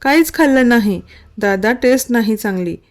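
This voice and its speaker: A woman's voice: on the high side, expressive, moderate pace, lightly acted. A woman reading a story and voicing a fragile young woman who gives short, pouting replies. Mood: sulky.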